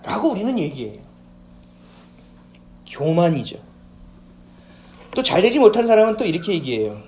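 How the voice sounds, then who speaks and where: A male pastor preaching a sermon in an animated way, putting questions to the congregation. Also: high voice, moderate pace, a little hiss or hum. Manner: animated preaching, acts out quoted voices, asks congregation questions. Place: church sanctuary. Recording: echoey church hall with faint ambience.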